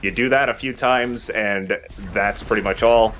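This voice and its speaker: With video game music in the background and slight noise, a let's play host explains things casually as he plays, occasionally swearing mildly. He speaks at a measured pace, his voice on the low side, fairly even and fairly bright.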